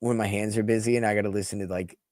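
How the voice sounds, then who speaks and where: Young man, casual podcast chat, heavy swearing, animated pitch jumps, dry close sound. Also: rapid-fire, no room sound. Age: 20s. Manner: animated, swears a lot, laughs, jumps in pitch when riled up. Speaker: podcast co-host.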